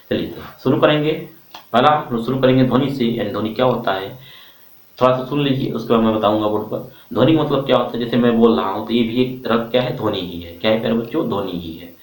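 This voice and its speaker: A man teaching a class, who keeps asking the students questions and repeating the answers back to them. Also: lowish voice. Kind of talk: classroom lecture. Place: classroom with a board. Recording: roomy, from far off.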